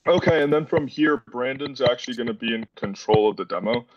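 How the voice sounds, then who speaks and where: Speaking at a fairly quick clip in a mid-range voice, this twenty-something Dominican man presents his student project over a video call, leaning heavily on "like" in a relaxed way. There's no echo, though the headset audio comes through dull and far away.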